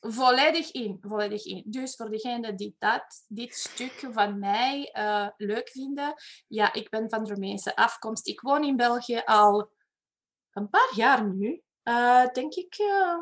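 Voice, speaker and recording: An animated woman with a Romanian accent speaks in a fairly high voice at an unhurried pace. She laughs often and pauses to search for words, chatting casually as a guest. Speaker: guest facilitator. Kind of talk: casual online chat.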